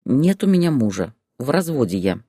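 A man voicing a calm young divorced mother in an audiobook story. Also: on the high side, a little fast, no room sound, studio quality, close to an everyday voice. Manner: calm, quiet.

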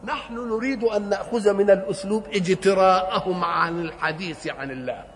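A man's voice: high-pitched, a little fast. An older man with an Egyptian accent preaching a sermon, asking rhetorical questions and answering them himself. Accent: Egyptian Arabic. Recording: hall reverb with faint noise.

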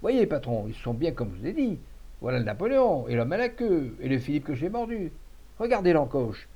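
A man's voice: a little high, sing-song, a little fast, dark tone, husky, heavily acted. A man voicing an old miserly male lodger from a rural province, agitated and accusing, on a dull lo-fi recording. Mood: triumphant.

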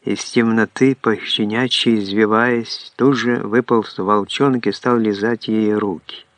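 Low-voiced male audiobook narrator. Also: fairly even intonation, measured pace. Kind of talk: scripted literary narration.

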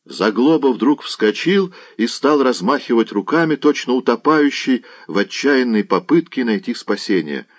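A man narrating an audiobook with expressive storytelling. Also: medium pitch, moderate pace, few pauses.

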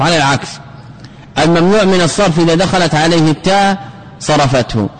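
A man's voice: fairly high pitch, low-quality recording. A man teaching a classical grammar lesson, asking questions and answering them himself and repeating key words.

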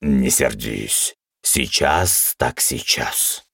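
A man voicing a calm, devoted male dragon in human form who speaks evenly and soothingly. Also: drawn-out words, vocal fry, noisy background, exaggerated voice. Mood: placating. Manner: even, soothing, low-key.

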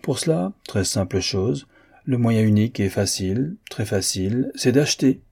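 A man reading aloud and voicing a calm, cheerful American financier with a smooth, confident salesman's pitch. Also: moderate pace, exaggerated voice.

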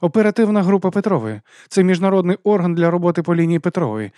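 A man's voice: high-pitched, lively intonation, fast, dark tone, no echo, studio quality, pitched above the performer's own voice. A man reading an audiobook, voicing a terse, businesslike woman in her forties who has a slight European accent.

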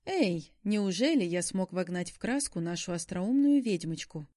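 A woman's voice: fairly low pitch, very animated, moderate pace, warm tone. A woman voicing a charming young vampire man who speaks in a mocking, velvety, teasing way.

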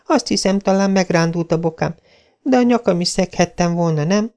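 A man voicing a dramatic young girl, pitched high. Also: a little mellow. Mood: pained. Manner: solemn, theatrical. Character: dreamy dramatic girl, about eleven.

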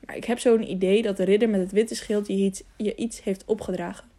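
A woman's voice: medium pitch, steady tone, brisk, dark tone, close to an everyday voice. A woman reading the part of a serious older male knight who speaks earnestly and measuredly in an audiobook. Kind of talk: audiobook character voice.

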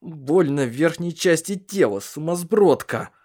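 Male reader doing a curt, wry bedridden husband; plain voice, expressive swings. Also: medium pitch, brisk. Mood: angry. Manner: dry, curt, teasing. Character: wry, stubborn paralyzed husband. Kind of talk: audiobook character reading.

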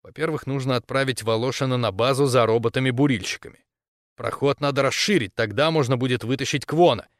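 A man narrating a first-person science fiction story in a steady storytelling manner. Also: medium pitch, quick pace, no room sound, studio quality. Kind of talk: audiobook narration.

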